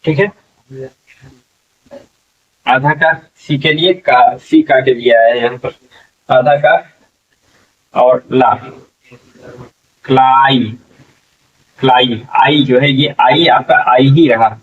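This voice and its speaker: Male tutor, unhurried spelling drill, heard from a distance on a dull lo-fi mic. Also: mid-range voice, fairly even intonation. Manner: slow, drawn-out syllable-by-syllable sounding out; frequent "theek hai" check-ins. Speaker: English teacher. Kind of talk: spelling lesson, sounding out words letter by letter.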